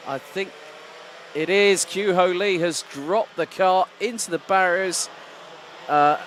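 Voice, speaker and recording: A man giving live motorsport commentary on a kart race with colourful, dramatic turns of phrase. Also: sits high. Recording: clear outdoor engine and track noise.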